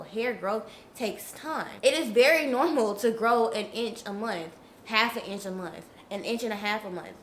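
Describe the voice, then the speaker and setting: A young natural-hair vlogger, stuffy-nosed from a cold, gives her viewers frank, chatty hair care advice in a casual vlog. Her medium-pitched voice is a little bright, and the recording sounds roomy with a bit of hiss or hum.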